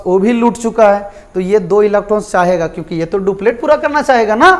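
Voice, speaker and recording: Speaking with a Jharkhand Hindi accent, this chemistry teacher's voice sits high as he gives a classroom lecture. He keeps checking on his students and often answers the questions he asks.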